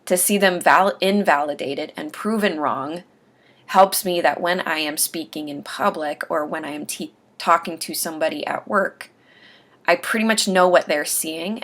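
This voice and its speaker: A woman with a slightly low voice talks straight to her camera in a casual video diary. She has a faint lisp and spells out each word with deliberate, exaggerated care, like someone practicing her own speech. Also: fairly bright tone. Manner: deliberate, over-enunciated speech. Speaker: vlogger sharing denture aftercare advice. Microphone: webcam or camera mic while watching herself on screen.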